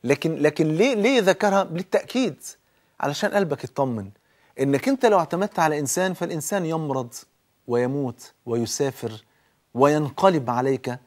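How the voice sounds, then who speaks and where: A man with an Egyptian accent giving a colloquial religious talk, speaking straight to the listener and slowing down to quote scripture. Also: on the high side, a little mellow. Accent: Egyptian Arabic. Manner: exhorting, addresses listener directly, quotes scripture slowly. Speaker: preacher.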